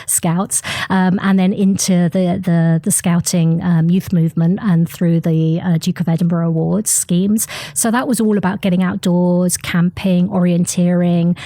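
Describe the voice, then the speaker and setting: Chatty woman with a dark voice. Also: fairly low pitch, no room sound. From United Kingdom. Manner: chatty, frequent ums and uhs, animated retelling. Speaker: guest. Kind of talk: interview conversation.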